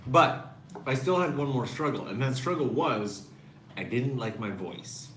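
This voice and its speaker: A man's voice: mid-range voice, expressive, a little slow, fairly bright tone. An earnest, talkative man hosting a live stream from his phone at a restaurant table. He chats casually with viewers and often stumbles into restarts. The sound is roomy and echoey, with a faint hum of background noise. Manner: chatty, earnest, with frequent restarts. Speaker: channel host.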